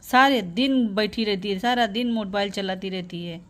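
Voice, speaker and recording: A woman's voice: mid-range voice, normal speed, voice pushed down, lightly acted. A woman voicing a harsh village mother who scolds her daughters and dotes on her son, nagging and insulting them. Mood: scolding.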